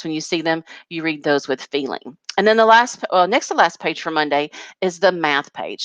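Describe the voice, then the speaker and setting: A woman's voice: deep voice, no room sound. A woman kindergarten teacher patiently walking parents through a home learning packet, step by step.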